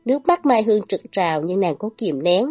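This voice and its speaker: A woman's voice: medium pitch, sing-song, fairly quick, darkish tone, breathy edge, soft background music. Woman telling a dramatic folk tale. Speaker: narrator. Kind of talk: storytelling narration.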